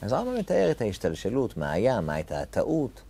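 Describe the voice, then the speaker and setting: A man's voice: fairly low pitch, wildly swooping pitch, vocal fry, dark tone, slight background noise. A man teaching a Torah lesson as a rabbi, posing rhetorical questions and repeating key phrases with emphatic rises on important words.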